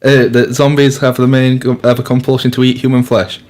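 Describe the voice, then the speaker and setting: A young man co-presents a radio science show, explaining things loosely in casual chat full of fillers and restarts. His mid-range voice is a little mellow, with a flat delivery and a fairly quick pace.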